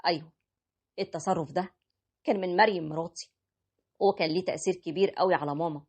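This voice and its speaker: A woman's voice: lowish voice, fast, a little mellow, slightly rough. A woman narrating a story as a young married man who stands by his wife, in a plain conversational retelling. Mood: recounting.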